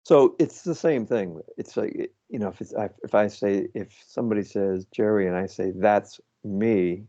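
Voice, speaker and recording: A man guiding someone through self-inquiry on a video call, speaking calmly and patiently and thinking aloud. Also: on the low side, moderate pace. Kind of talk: slow reflective coaching on a video call. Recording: muffled lo-fi video call audio.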